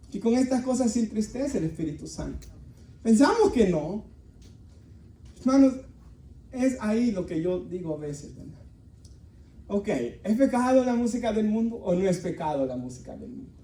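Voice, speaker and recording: A male pastor preaches earnestly to his congregation. His voice sits high but sounds dark and mellow. It is picked up from far away, in a roomy, echoing church. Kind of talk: sermon. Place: church hall. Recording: echoey room, voice from far off.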